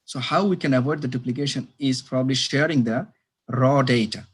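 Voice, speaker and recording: Guy from bangladesh doing a library webinar, kinda husky, lots of ums and restarts. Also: mid-range voice. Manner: halting, many fillers and restarts. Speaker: librarian giving a webinar talk. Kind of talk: online presentation. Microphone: video call.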